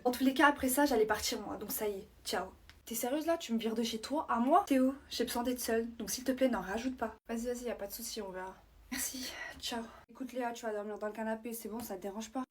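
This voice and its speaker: A woman rattles through comedy sketch scenes, switching between characters. Her voice sits a little high, and the lines come fast, slangy and full of bickering. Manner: quick slangy bickering banter.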